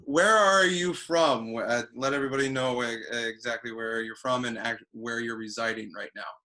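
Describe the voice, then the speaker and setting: A man hosting a podcast interview, relaxed, asking questions with short encouraging replies. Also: mid-range voice, moderate pace. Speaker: podcast host. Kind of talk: casual interview chat.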